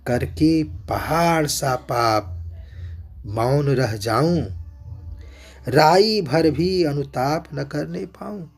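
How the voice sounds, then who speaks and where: A man reciting the verses of a remorseful widowed queen mother in a slow, declaimed style with a husky voice. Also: a little high, exaggerated voice. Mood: pleading. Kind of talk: poetry recitation.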